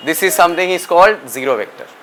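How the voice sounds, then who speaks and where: Male teacher, Bengali accent, classroom lecture, quizzing style; sharp bright tone. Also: high-pitched, animated, takes it slowly. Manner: mixes Bengali and English, quizzes students. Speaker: physics teacher.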